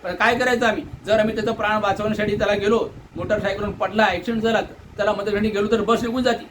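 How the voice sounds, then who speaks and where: Man, high voice, earnest complaint monologue, rhetorical questions, noisy background. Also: steady tone, very fast. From India. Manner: earnest, rising indignation, rhetorical questions, mimics shouted orders. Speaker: Buddhist monk airing commuter complaints. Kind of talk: direct-to-camera complaint monologue.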